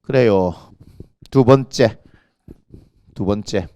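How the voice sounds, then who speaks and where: A middle-aged man preaching a lively sermon as senior pastor, telling stories in an animated way and acting out quoted voices with sudden shouts. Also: lowish voice, slow pace, clear, resonant tone, no room sound, dull audio. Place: church sanctuary.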